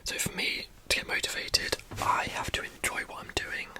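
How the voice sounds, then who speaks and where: Fast, rambling ASMR whisper from a young adult. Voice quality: breathy unvoiced whisper. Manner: informal rambling, repeats words. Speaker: ASMR creator answering questions.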